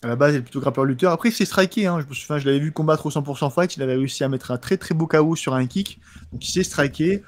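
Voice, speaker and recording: Fast-talking man with a slushy lisped s. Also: on the high side, no echo. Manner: slight lisp, slushy sh-like s sounds; informal, halting with repeated words and slang. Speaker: professional MMA fighter answering viewer questions. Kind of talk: casual livestream chat, combat sports commentary.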